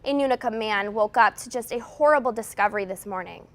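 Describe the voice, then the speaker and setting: A woman's voice: mid-range voice, fast talker. An American woman reading scripted television news as the anchor.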